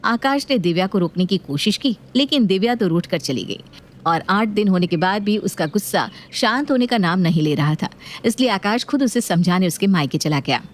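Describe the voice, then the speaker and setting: A woman narrating a moral family story in a calm scripted storytelling voice. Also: mid-range voice, normal speed.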